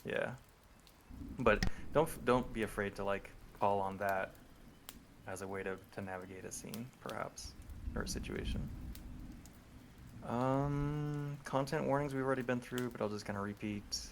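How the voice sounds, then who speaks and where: Low gravelly male game master on group voice chat, loose and rambling, faint hiss. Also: normal speed. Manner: relaxed, rambling, with many ums. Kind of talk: running a tabletop horror game.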